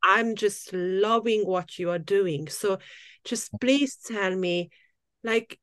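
A woman's voice: mid-range voice, takes it slowly, smooth, dry recording. Woman host asking stuff all eager, dry close sound, trips over words sometimes. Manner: warm, enthusiastic, speaks non-native English with restarts. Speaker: podcast host. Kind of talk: casual interview.

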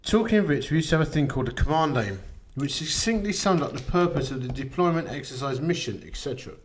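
A man's voice: fairly high pitch, expressive, fast talker, slight background noise. A man with an Essex accent hosting a casual podcast with a blokey, bantering manner. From Essex, England. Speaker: podcast host. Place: echoey open-plan kitchen lounge at home.

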